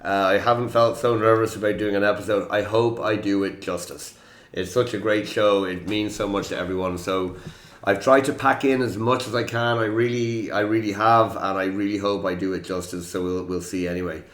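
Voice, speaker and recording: An Irish man runs a casual trivia podcast, his voice sitting low. He talks in a chatty, joking way, tossing out quick quips. The recording has a noticeable room echo. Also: fairly even intonation, fairly bright tone. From Ireland. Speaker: quiz host. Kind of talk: casual quiz podcast hosting. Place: room in Prague.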